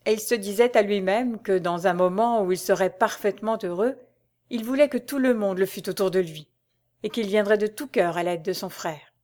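A woman narrating a dramatic novel as an audiobook, with steady delivery. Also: mid-range voice, normal speed.

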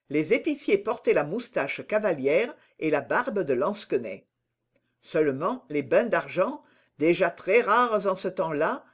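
An audiobook narrator reading a classic adventure novel with slow, expressive storytelling. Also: medium pitch.

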